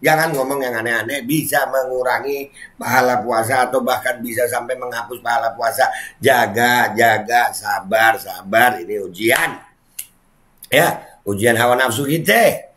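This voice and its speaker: A man's voice: mid-range voice, normal speed, a bit bright. A man chatting casually as he reads viewer comments aloud and reacts to them with frequent exclamations.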